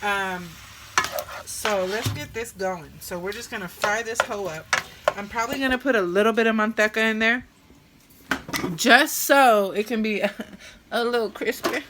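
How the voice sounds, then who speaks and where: A slightly high-voiced woman talks at normal speed through a casual home cooking vlog, rambling and cracking bawdy jokes. She's in her kitchen with food frying, and pan sizzle sounds in the background.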